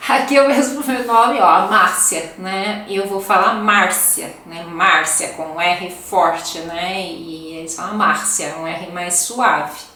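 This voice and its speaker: A woman's voice: on the low side, steady tone, slow pace, few pauses, bright, forceful tone. A Brazilian woman teaching Portuguese, explaining accents patiently and often asking "né?" to check in. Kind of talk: explaining accents in a video lesson. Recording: very echoey room with faint noise.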